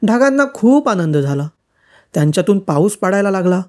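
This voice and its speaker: Woman, children's story narration, lilting, expressive, storybook reading. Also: mid-range voice, normal speed.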